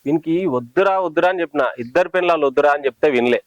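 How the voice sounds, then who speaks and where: A man's voice: fairly high pitch, racing, no echo. A man playing a teasing friend in a village comedy. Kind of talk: scripted village comedy acting.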